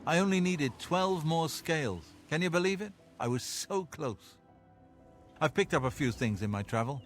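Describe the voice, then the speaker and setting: An actor playing a gruff old fisherman in a video game, grumbling and folksy, weary and pleading. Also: a little high, animated, moderate pace, faint music behind, close to an everyday voice. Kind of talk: video game character dialogue.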